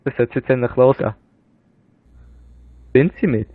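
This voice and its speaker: A man's voice: medium pitch, moderate pace, no room sound, phone-quality sound. A young man with a Swiss German accent, casually guiding his friend through a co-op shooter mission. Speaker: gamer. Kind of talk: casual co-op gameplay chat. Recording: faint gunfire behind.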